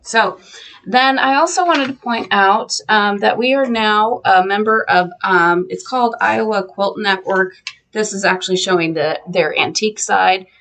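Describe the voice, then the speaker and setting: A woman's voice: mid-range voice, a little slow, a bit bright. A woman with a Midwestern American accent co-hosting a live quilt shop show, chatting casually with many fillers. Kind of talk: casual live-stream chat.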